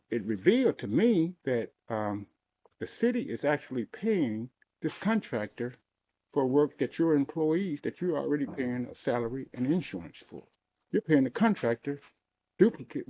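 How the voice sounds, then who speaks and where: A man from Mississippi, speaking earnestly and insistently during public comment, heard on a courtroom-style meeting recording. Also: mid-range voice. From Mississippi, USA. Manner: earnest and insistent, pressing his points. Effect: lo-fi public meeting hall recording, like a courtroom tape. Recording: dull lo-fi meeting room recording.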